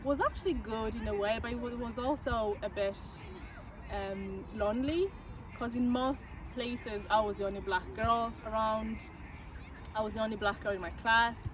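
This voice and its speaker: A woman's voice: on the high side, moderate pace. A woman talking conversationally in an earnest, reflective way. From Ireland. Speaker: community network co-founder. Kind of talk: conversational personal talk. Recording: noisy outdoor urban recording, distant mic.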